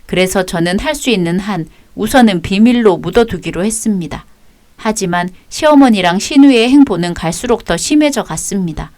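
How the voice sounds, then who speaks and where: A woman narrating a dramatized personal story in a calm, formal, scripted way. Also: mid-range voice.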